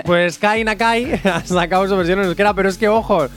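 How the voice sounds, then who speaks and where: A man hosting a morning radio show, chatting casually with guests in an excitable, gushing way and laughing often. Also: high-pitched, moderate pace, soft background music.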